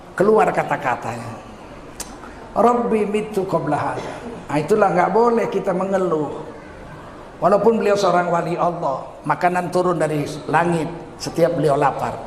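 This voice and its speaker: A man from Indonesia preaching a humorous sermon, telling the story with lively asides and acted-out quotes. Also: high voice, roomy sound, long reverb tail, slight background noise.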